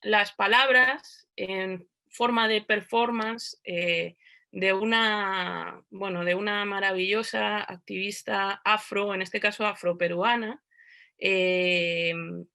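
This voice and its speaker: Una mujer da una conferencia por videollamada y habla sin prisa, pensando en voz alta. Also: female voice, medium pitch, fairly even intonation, gravelly, bright, forceful tone. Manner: unhurried, thinking aloud. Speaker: guest lecturer. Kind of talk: online lecture. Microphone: video call.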